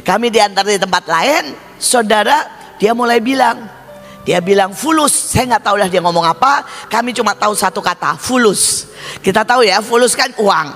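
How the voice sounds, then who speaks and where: A man's voice: high-pitched, moderate pace, a bit bright. A male preacher giving an emphatic sermon testimony, telling his story and constantly addressing the congregation. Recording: reverberant hall with music behind.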